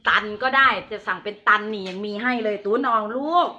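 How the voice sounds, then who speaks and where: A woman with an Isan accent doing hyped, chatty live-seller patter, repeating her pitch and addressing viewers in a folksy way. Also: brisk, muffled recording, noisy background. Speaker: live-stream seller of chillies and farm produce.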